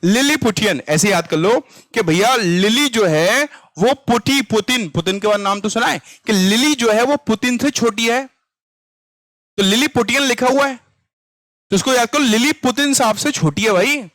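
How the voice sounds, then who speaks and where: A man's voice: very high voice, lively intonation, normal speed, a bit bright, no echo. A man with an Indian accent teaching English vocabulary for exams, chatty and repeating questions to his students. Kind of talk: online exam-prep lesson.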